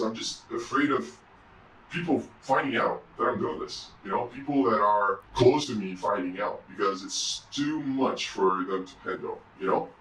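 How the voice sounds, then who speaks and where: A man talking through a voice changer that shifts his voice deeper, speaking hesitantly in a casual confessional vlog from his room. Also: a bit bright. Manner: hesitant, rambling, many "you know"s. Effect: deep pitch-shifting voice changer. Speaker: indie game developer and vlogger. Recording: roomy and distant, faint hum.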